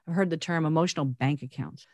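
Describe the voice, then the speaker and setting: A woman's voice: sits low, fast, darkish tone, no room sound. A woman co-hosting a casual faith-based chat, earnest and intense, laughing often as she talks. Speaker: podcast co-host.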